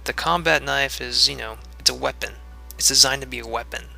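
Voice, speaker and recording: Gravelly young man rambling over gameplay. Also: mid-range voice, a little fast, pushed and bright, faint music behind. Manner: rambling, many ums and restarts. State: a little out of breath. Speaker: video creator giving commentary. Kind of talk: casual gameplay commentary.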